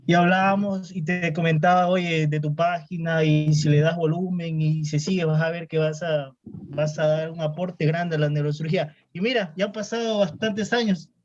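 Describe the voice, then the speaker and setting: A man's voice: a little high, fairly even intonation, moderate pace, a little mellow. A talkative man from Ecuador, a neurosurgery resident, chatting politely on a video call. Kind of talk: casual video call chat. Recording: dull lo-fi call audio.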